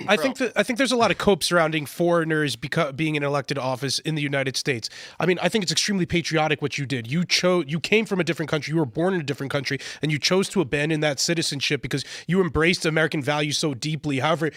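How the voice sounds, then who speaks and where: A man with a slightly higher voice talks fast and argues his case in a casual panel chat. His voice is dry and close to the mic. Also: a bit bright, dry recording. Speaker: panel guest.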